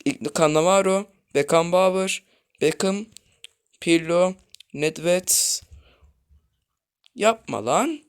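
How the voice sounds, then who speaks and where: A man hosting a gaming video, giving live commentary that jumps from loud outbursts to quiet muttering while talking straight to his viewers as friends. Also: high voice, drawn-out words, long pauses, clear, resonant tone.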